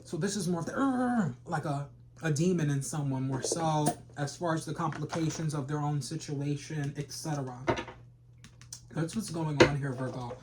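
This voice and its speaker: A man's voice: fairly high pitch, steady tone, moderate pace, very noisy. A man giving a rambling, casual tarot reading full of slang and repeated phrases. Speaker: tarot reader.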